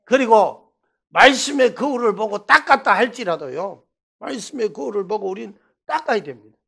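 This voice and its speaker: Middle-aged male preacher, Gyeongsang accent, high voice, animated revival-sermon storyteller. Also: normal speed, gravelly, husky. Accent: Gyeongsang Korean. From Daegu, South Korea. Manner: animated storytelling, swinging between loud bursts and hushed asides. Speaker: pastor.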